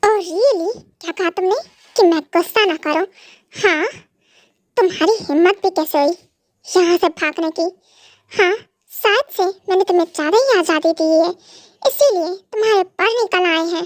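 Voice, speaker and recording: A woman's voice: very high-pitched, normal speed. A woman voicing a possessive, menacing young mafia husband in an amateur fan dub, talking in cold, mocking threats and commands.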